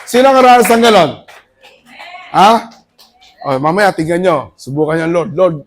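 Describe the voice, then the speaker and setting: A middle-aged Filipino pastor preaching a conversational sermon, swinging between loud praise and hushed asides. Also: male voice, high voice, animated, normal speed, a little hiss or hum. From Philippines.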